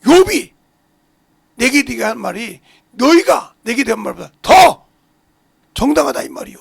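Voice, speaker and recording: A pastor preaching a sermon with passion, swinging between shouts and low mutters and firing rhetorical questions at the congregation. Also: male voice, animated, moderate pace, vocal fry, husky, dry recording, studio quality.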